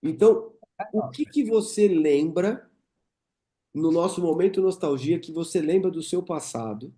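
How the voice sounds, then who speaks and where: Unhurried and warm, a slightly high-voiced podcast host from Brazil, in his thirties, swaps casual memories with his guest during a relaxed interview chat.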